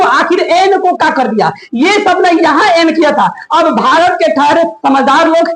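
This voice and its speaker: Male grammar teacher, classroom lecture, high pitch, roomy echo, quizzes students constantly. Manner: questions the class often, animated.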